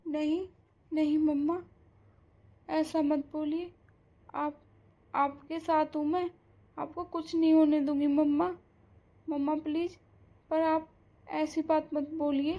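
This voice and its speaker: A woman's voice: sits high, flat delivery, slow pace, pauses often, mellow. A woman voicing a young grieving daughter who sobs and pleads in a cartoon story. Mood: pleading. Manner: sobbing, pleading, wailing. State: crying. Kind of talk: Hindi cartoon voice acting.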